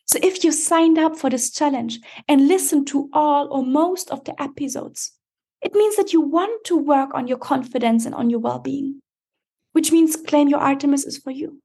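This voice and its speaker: A woman's voice: high voice, normal speed, dark tone. A woman hosting a motivational podcast, speaking straight to the listener in an emphatic, encouraging coaching style. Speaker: podcast host and empowerment coach.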